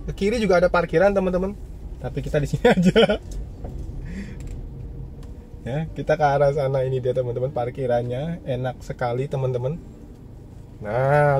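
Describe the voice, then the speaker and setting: Guy talking while driving, kinda high voice, chatty, bit of car hum behind. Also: darkish tone. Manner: chatty, guiding viewers, frequent laughs. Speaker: car vlogger. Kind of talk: casual driving commentary. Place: inside a moving car at night.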